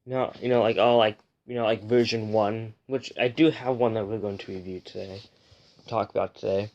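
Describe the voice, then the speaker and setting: A man's voice: fairly low pitch, steady tone, a little fast, darkish tone, lo-fi sound. A young man hosting a casual, rambling review, pronouncing his R's like W's and sometimes slipping on his L's. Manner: says w for r, sometimes slips on l. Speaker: host of a comic book review show.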